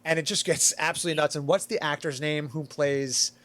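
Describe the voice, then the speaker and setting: A man's voice: a little high, steady tone, a little fast, fairly bright tone. A man chatting casually on a podcast panel, rambling and full of "like", acting out quotes as he goes. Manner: rambling, filler-heavy retelling with acted quotes.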